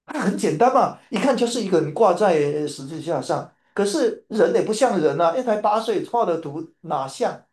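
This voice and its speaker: A man from Taiwan preaching a sermon, telling a family story in an animated way and repeating his phrases. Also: high voice, moderate pace, hardly any pauses, roomy sound.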